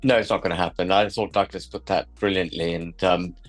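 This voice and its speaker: Low-voiced man, measured panel guest. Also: steady tone, no echo, soft background music. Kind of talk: casual commentary.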